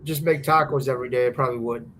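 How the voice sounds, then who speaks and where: A man's voice: mid-range voice, fairly even intonation, rapid-fire, a bit bright, slight background noise, rough recording. A man hosting a podcast, chatting casually and putting fan questions to a guest. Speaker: podcast host.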